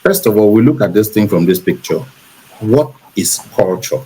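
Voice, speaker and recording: A man's voice: fairly low pitch, animated, mellow. Man from cameroon, talk show host, emphatic repetitive delivery, noisy recording. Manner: preachy, measured, repeats for emphasis.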